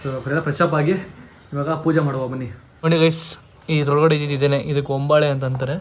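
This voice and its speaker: A man's voice: a little high, flat delivery, quick pace, slight background noise. A man chatting playfully to his viewers in a casual family vlog at home. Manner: playful, teasing, talks to camera viewers. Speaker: vlogger.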